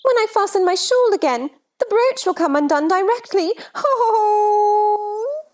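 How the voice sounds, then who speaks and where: A woman's voice: very high-pitched, expressive, unhurried, a little mellow. A woman playing a scatterbrained, helpless queen in a theatrical children's storybook drama, fluttery and fussy. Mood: wailing. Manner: fluttery, nonsensical insistence, crying out.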